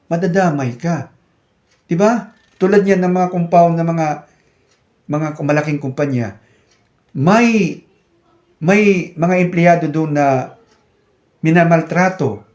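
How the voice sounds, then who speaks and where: A Filipino man with a somewhat high voice talks viewers through security guard rules in a loose, chatty lesson. He keeps turning to his audience and acting out quick little scenes to make his points. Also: darkish tone. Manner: conversational, addresses viewers as guys, acts out little scenes. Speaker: YouTube channel host, security guard trainer. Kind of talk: casual explainer lesson to viewers.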